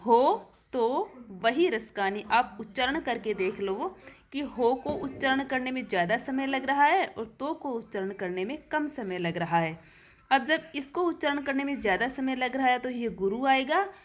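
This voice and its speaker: A woman teaching a Hindi verse-meter lesson, counting syllables aloud and answering her own questions. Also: fairly high pitch.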